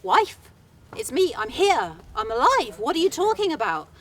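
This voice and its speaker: A woman's voice: high-pitched, sing-song, moderate pace, fairly bright tone, exaggerated voice. Woman doing a bewildered, exasperated fisherman. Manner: exasperated, confused protests. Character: exhausted bewildered fisherman husband.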